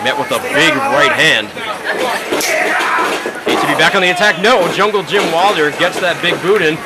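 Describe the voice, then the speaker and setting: A man's voice: a little high, normal speed. A man giving live wrestling commentary, reacting to the action as it unfolds. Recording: noisy live venue with loud crowd. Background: loud crowd.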